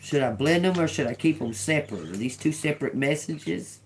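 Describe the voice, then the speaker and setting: A woman's voice: low-pitched, lively intonation, brisk, slight background noise. A woman in her fifties doing a tarot reading for viewers in an emphatic, chatty way, calling them y'all. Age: 50s. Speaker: tarot reader.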